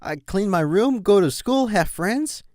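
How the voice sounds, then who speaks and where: A man's voice: sits high, expressive, measured pace, darkish tone, no echo, studio quality, pitched above the performer's own voice. A man voicing a young male pony colt who is cocky and whines and stammers when pleading. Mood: whiny.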